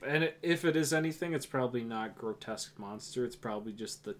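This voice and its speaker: A young man chatting casually on a podcast, rambling with frequent "um" and "yeah". He delivers his jokes deadpan at an everyday middle pitch. A light hiss runs under the recording. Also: fast. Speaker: podcast co-host. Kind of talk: casual chat.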